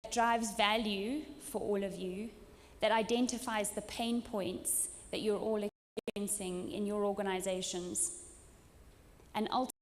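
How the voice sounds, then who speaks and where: A woman from Zimbabwe delivers an emphatic keynote speech to a conference audience, pausing now and then with an um. Her voice sits at a middle pitch. The sound carries a long reverb from the hall. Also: fairly even intonation, a little hiss or hum. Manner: earnest, emphatic, with fillers. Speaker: conference speaker.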